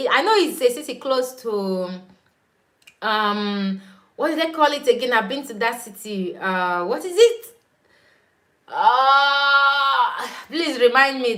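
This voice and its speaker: Her voice is a little high, slow, pushed, and bright, with lively intonation. She's a young YouTube host with a Nigerian accent and Igbo as her first language, casually chatting on a livestream as she reads comments, laughing frequently and calling out viewers by name.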